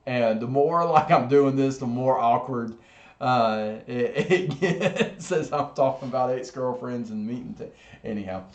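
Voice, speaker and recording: A man's voice: mid-range voice, a little mellow. A man teaching a church group in a casual, rambling way, full of fillers, restarts and self-deprecating asides. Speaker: pastor. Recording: echoey room.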